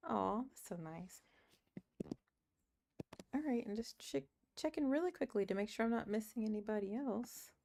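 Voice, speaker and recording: A woman hosting her own livestream, chatting casually and earnestly while she works through puzzles, with a croaky morning voice and frequent laughs. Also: on the high side, normal speed, long pauses, dark tone. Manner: chatty, earnest, laughs often, thinks aloud. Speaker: livestream host.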